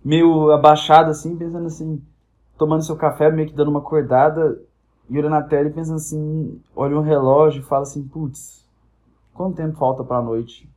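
A young man from Brazil in his twenties tells a comic story as a podcast host, with a slightly high voice. He swears freely and jumps in and out of the voices of the people in his story, keeping it lively and loose. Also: quick pace. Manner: animated storytelling, acting out quoted voices; crude, profane humor. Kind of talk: casual comic monologue.

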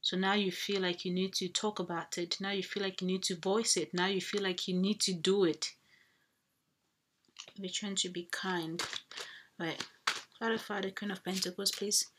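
A woman's voice: fairly low pitch, level tone, normal speed, pauses often, slight background noise. A woman giving a casual tarot reading to viewers, thinking aloud and rambling with fillers and restarts as she draws cards. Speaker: tarot reader.

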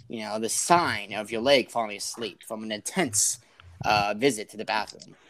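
A young man co-hosting a podcast, telling a story in a dramatic, deadpan way. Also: mid-range voice. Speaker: podcast co-host. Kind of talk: casual storytelling.

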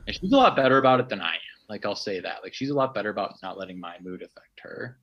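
Male podcast co-host, rambling conversational storyteller, mid pitch, slightly muffled mic. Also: very animated, fast. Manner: rambling, self-interrupting storyteller. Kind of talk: casual conversation. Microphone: remote podcast mic.

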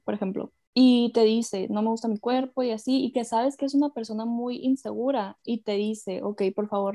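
A woman's voice: a little high, warm tone. A woman in a casual chat, reflective and a bit hesitant with fillers.

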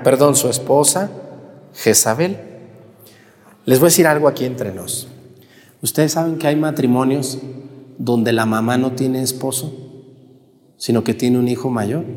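A man with a Mexican accent preaching a sermon, animated, asking the congregation questions and answering them himself. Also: mid-range voice. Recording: long hall reverb.

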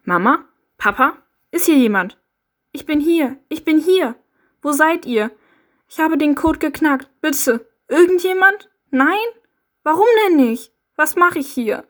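A woman's voice: high-pitched, animated, a little slow, voice pushed up. A woman voicing a panicked young survivor. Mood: desperate. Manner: panicked, pleading, rising to cries. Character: frightened young survivor searching for family.

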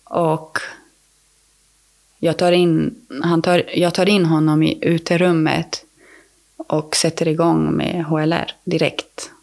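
A woman guest on a podcast telling a personal story in a casual, rambling way, often restarting her sentences and filling pauses. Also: low-pitched, level tone, creaky, darkish tone.

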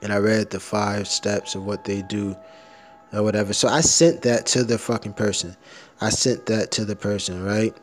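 A man with a fairly low, everyday speaking voice, talking bluntly and swearing freely. He rants casually, leans on slang like "bro", and sometimes reads text out loud. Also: fairly even intonation, normal speed, faint music behind. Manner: profane, blunt, ranting. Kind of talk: casual rant, reading an article aloud.

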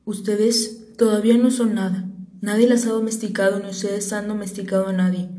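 A woman's voice: mid-range voice, fairly even intonation, normal speed, mellow, lightly acted. A woman voicing an earnest young boy prince in a read-aloud storybook, speaking in an earnest, heartfelt way. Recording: roomy echo.

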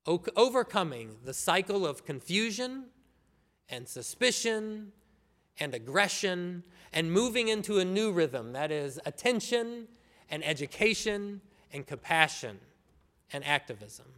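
A man preaching a sermon as pastor, earnest and measured with pauses. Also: high-pitched, big pitch swings, a bit bright, in a large hall. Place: church sanctuary.

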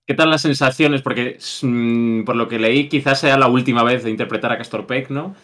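A man's voice: mid-range voice, normal speed, a bit bright. A man interviewing a guest with short, encouraging questions. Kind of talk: casual interview.

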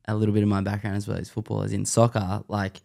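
A man with an Australian accent, a podcast guest chatting in a relaxed, agreeable way. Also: on the low side, quick pace, gravelly. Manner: relaxed, agreeable, says bro a lot. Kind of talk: casual chat.

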